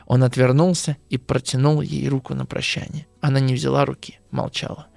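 A man's voice: medium pitch, level tone, fairly quick, vocal fry, darkish tone, no room sound, pitched below the performer's own voice. A man reading aloud as a plain-spoken older army captain telling a story. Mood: wistful.

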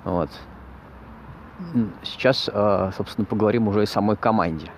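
Low-voiced man, halting podcast host. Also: slight background noise. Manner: halting, searching for words in broken phrases. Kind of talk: informal podcast monologue.

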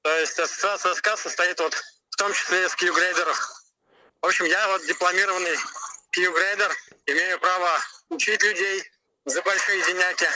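Man on speakerphone, very bright voice. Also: high-pitched, poor audio. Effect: heard over a phone on speakerphone. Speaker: coffee expert called in by phone. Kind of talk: casual phone chat. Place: outdoors crossing a highway bridge.

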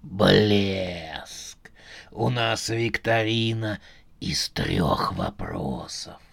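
A man reading a story aloud, voicing a calm, mysterious phone caller with an artificial, metallic, robot-like voice. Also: low-pitched, gravelly, husky, dry recording, pitched below the performer's own voice, exaggerated voice. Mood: eerie calm. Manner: slow, eerily calm quizzing. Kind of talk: audiobook narration with voiced characters.

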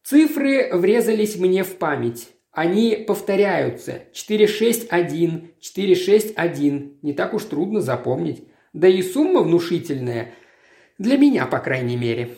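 A woman reading as a calm earnest male writer. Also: fairly low pitch, unhurried. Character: earnest male writer, compassionate then angry. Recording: roomy echo.

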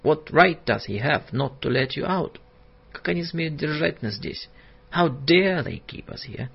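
A man voicing an agitated male asylum patient who shouts indignantly and hoarsely. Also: a little high, animated, unhurried, voice pushed up, heavily acted. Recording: dull lo-fi audiobook recording.

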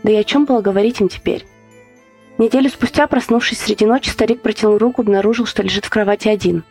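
Woman reading a creepy story, calm and steady, faint music behind. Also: medium pitch, quick pace, slightly rough. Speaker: podcast host. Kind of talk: scripted horror story narration.

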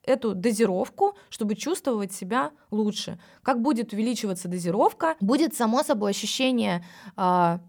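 A woman's voice: medium pitch, lively intonation, normal speed, a little mellow. A woman, a psychologist, explaining things in a podcast, speaking frankly and addressing the listener directly.

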